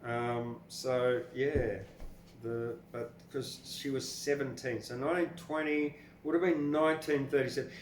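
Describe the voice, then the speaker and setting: An older Australian man hosts a poetry podcast, mixing casual commentary with expressive readings of poems in an informal, rambling, blunt way. His voice sits at a medium pitch with fairly even intonation and a slightly slow pace. The room is echoey, with faint background noise.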